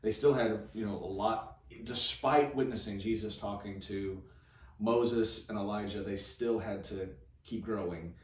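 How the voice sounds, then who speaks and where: A man with a fairly low voice hosts a church read-along show, leading a casual Bible discussion in an unhurried, informal, folksy way and rephrasing as he goes. The recording has an echoey room, a distant mic and faint noise.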